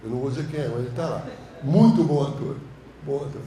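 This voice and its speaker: In a university classroom, a film director with a Brazilian Portuguese accent teaches a course, telling anecdotes in animated, colloquial, slang-heavy style. His medium-pitched voice races along, and the rough recording is roomy with a little hiss or hum.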